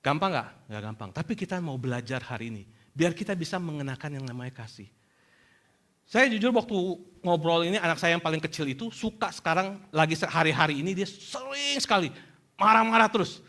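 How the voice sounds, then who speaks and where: A middle-aged male pastor preaching a sermon in a lively way, slipping into English phrases and acting out what others say. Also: on the high side, fairly quick. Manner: animated, mixes in English phrases, acts out quoted speech. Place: church service.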